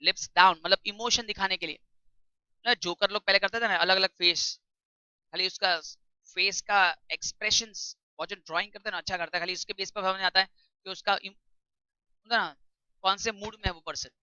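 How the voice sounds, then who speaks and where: Bright, crisp-voiced woman teaching a class. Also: mid-range voice, steady tone, dry recording. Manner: reads English text slowly, explains in chatty Hindi, quizzes the class. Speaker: tutor. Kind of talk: classroom lecture. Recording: dull lo-fi recording.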